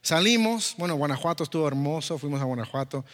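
A man preaching a personal testimony, telling the story in a lively way and acting out the dialogue. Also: on the high side, quick pace, big-room sound. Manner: storytelling, animated, acts out dialogue. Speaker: pastor. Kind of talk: sermon testimony.

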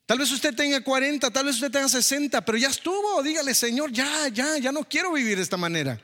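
A man preaching a sermon as pastor, animated and often asking the congregation questions. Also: extremely high pitch, brisk, in a large hall.

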